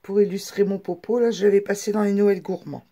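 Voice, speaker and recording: A woman with a warm, mellow voice hosts a casual show-and-tell video. She talks in a chatty, halting way, often pausing on fillers and restarting her sentences. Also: mid-range voice, fairly even intonation. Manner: chatty, hesitant with many fillers. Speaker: craft vlogger.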